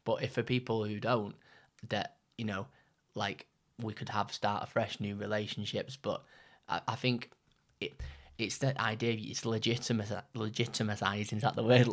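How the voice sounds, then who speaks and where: Brief: young male co-host, lowish voice, loose rambling delivery, lots of "like" and restarts. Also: little pitch movement, normal speed. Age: young adult. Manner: rambling, many fillers and restarts. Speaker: trainee counsellor, podcast co-host. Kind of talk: casual chat.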